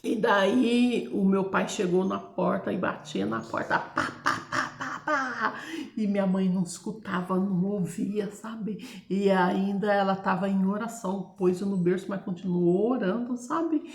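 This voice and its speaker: Brazilian woman storyteller, gravelly voice, chatty testimony, echoey room. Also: mid-range voice, steady tone, a little slow, hardly any pauses, a little mellow. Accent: Brazilian Portuguese. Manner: chatty, keeps addressing listeners with tag questions; hesitant, restarts and searches for words. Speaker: storyteller sharing a personal testimony. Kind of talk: casual spoken testimony.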